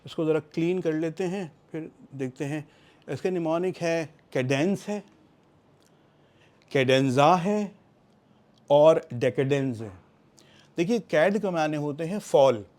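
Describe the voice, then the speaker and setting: A middle-aged man teaches vocabulary in a fairly high-pitched voice. He explains terms patiently and reads English example sentences out slowly. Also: darkish tone. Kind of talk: explanatory lesson.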